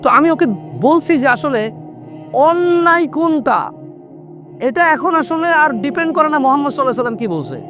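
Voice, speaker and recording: A young man preaching a sermon in an animated way, slipping English words into his talk and lowering his voice when he quotes others. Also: a little fast, pauses often, faint music behind. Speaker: Islamic preacher. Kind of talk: waz sermon.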